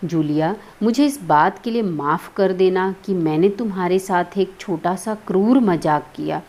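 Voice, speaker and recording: A woman voicing an angry male master of the house who scolds loudly, nearly shouting. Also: mid-range voice, lively intonation, normal speed, natural voice. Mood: lecturing.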